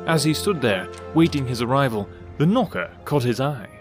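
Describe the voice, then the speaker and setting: A man playing the storyteller of a Christmas audio drama, delivering scripted narration in an animated, measured way. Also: medium pitch, soft background music, close to an everyday voice. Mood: wry, cheerful.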